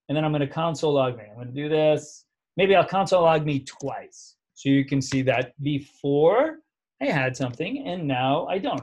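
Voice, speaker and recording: A man from New York teaches a live online coding class in a casual, chatty style, frequently checking in with "right?" His voice is on the high side.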